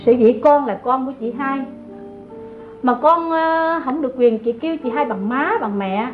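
An actress playing a humble, long-suffering young mother and servant who speaks meekly and pleads softly, in an old radio drama. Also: sits high, moderate pace, lightly acted. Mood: tender. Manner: meek and pleading, tender with the child. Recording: tinny, phone-like old recording with music.

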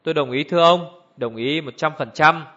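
A man's voice: fairly high pitch, a little fast, bright, forceful tone. A man voicing a scornful male adventurer who talks curtly in a sour, irritable tone, on a dull lo-fi recording. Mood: sardonic.

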